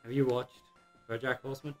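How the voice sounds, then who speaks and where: A man's voice: mid-range voice, little pitch movement, brisk, soft background music. A young man playing a game on a let's play, chatting casually and jumping into silly put-on voices. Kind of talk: casual gaming chat with goofy character voices.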